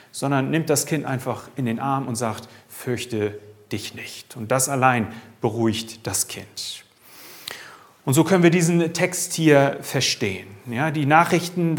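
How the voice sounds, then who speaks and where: Emphatic male preacher. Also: on the high side. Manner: emphatic, swings from raised to hushed. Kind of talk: sermon.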